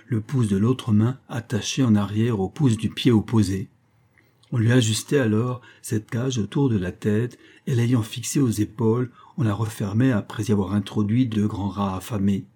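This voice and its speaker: Male audiobook narrator, husky timbre, measured somber storytelling. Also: on the low side, mellow. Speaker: audiobook reader. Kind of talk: scripted narration.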